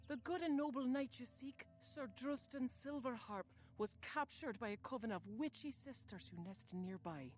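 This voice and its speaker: A woman's voice: high-pitched, moderate pace, hardly any pauses, a little mellow, soft background music, close to an everyday voice. An actress voicing a female quest-giver in a video game, speaking in a courtly, formal way with an Irish accent. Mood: earnest.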